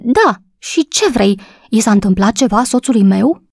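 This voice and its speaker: A woman's voice: lively intonation, gravelly, darkish tone, no room sound. A woman reading a storybook voices an agitated housewife close to tears, talking breathlessly. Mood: tearful. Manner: breathless, high-strung, tearful.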